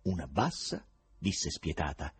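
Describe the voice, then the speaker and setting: A man reading a novel aloud as audiobook narration, in an expressive literary style. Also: rumbling low, a little slow, husky. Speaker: audiobook reader.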